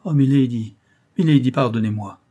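A man's voice: mid-range voice, normal speed, warm tone, husky, natural voice. A man voicing a terrified young female servant who pleads and sobs in broken outcries, reading a classic novel aloud. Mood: remorseful. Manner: sobbing, beseeching, breathless outcries.

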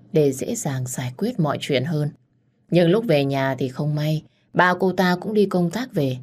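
A woman narrating a romance audiobook in a steady, even reading. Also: low voice.

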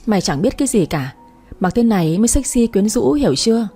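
A woman narrator voicing a brash, loud-mouthed young woman who teases and bosses her friend. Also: medium pitch, sing-song, a little fast, slightly rough, faint music behind. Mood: bossy teasing. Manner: crude, teasing, bossy.

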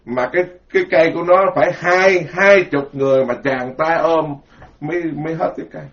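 A man's voice: fairly high pitch, steady tone, fairly quick, a bit bright. A man with a Southern Vietnamese accent from the Mekong Delta, a Buddhist monk giving an informal, joking sermon and piling up words in emphatic lists. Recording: dull lo-fi recording.

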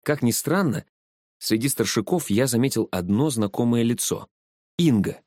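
A man reading a first-person story aloud as an audiobook narrator, in a steady storytelling delivery. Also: medium pitch, normal speed, no echo, studio quality.

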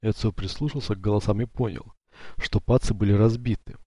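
A man narrating an audiobook in a steady, measured way. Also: on the low side, breathy edge, no echo. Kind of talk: scripted narration.

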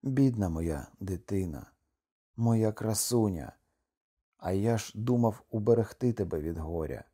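A man reading an audiobook, voicing a doomed young husband, tender and gloomy, with a slow, mournful delivery. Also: on the low side, lively intonation, dark tone, breathy edge.

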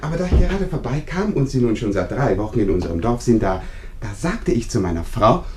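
An actor playing a chatty, overpolite village neighbor who rambles in effusive, ingratiating politeness, in a classic radio drama. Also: male voice, mid-range voice, big pitch swings, fairly quick, darkish tone, close to an everyday voice. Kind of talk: 1950s-style radio drama acting.

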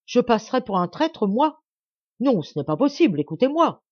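A woman voicing a loyal, blustering old male corporal in an audiobook, with loud indignant outbursts. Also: medium pitch, animated, moderate pace, no room sound, dull audio, close to an everyday voice. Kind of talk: audiobook character voice.

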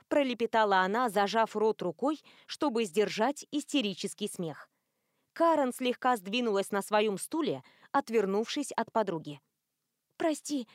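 A woman reading an audiobook as narrator in an even, clear storytelling manner. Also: medium pitch, dry recording, clean studio sound. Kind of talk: scripted narration.

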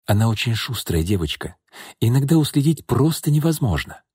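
A man's voice: mid-range voice, sing-song, fairly quick, a little mellow, slightly rough, no room sound, clean studio sound, voice pushed up. A man voicing a fretful, protective young uncle who worries about his niece in an audiobook. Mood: worried. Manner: fretful, blunt.

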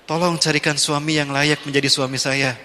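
A man telling a story in a sermon in a lively way, acting out the characters. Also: fairly high pitch, a little fast. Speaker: preacher. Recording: echoey hall.

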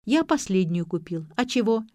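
A woman's voice: mid-range voice, animated, normal speed, mellow, no echo, studio quality, lightly acted. A woman voicing a pompous young man who lectures and shows off his learning. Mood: self-assured. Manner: pedantic, showing off.

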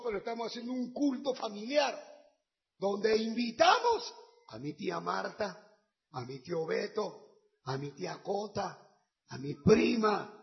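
A middle-aged man, a pastor, preaching a testimony sermon and altar call, swinging between soft talk and shouting. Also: high-pitched, vocal fry, highs cut off.

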